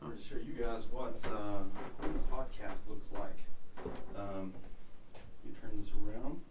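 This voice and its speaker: Relaxed man hosting, in an echoey room. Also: fairly low pitch, a little slow. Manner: relaxed, filler-heavy explaining. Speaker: podcast host. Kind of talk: casual behind-the-scenes chat. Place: podcast studio. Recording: echoey room, distant mic, background noise.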